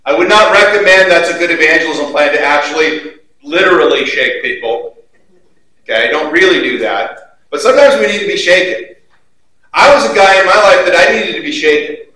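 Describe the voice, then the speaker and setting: Echoey pastor preaching in a hall. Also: male voice, fairly quick. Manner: earnest, swings from loud emphatic to quiet and low. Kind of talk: sermon. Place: church sanctuary. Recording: very echoey hall, mic at a distance.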